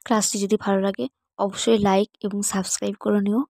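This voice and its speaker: A woman teacher with a Bengali accent giving a grammar lesson, reading example sentences slowly and deliberately, then explaining them more quickly. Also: medium pitch, flat delivery, gravelly, darkish tone, low-quality recording. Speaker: English teacher. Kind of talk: slow, measured grammar lesson.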